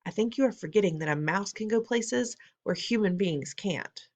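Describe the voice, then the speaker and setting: A woman's voice: mid-range voice, moderate pace, voice pushed up, natural voice. A woman reading aloud, voicing a clever young boy who has been turned into a mouse, eager and reasoning.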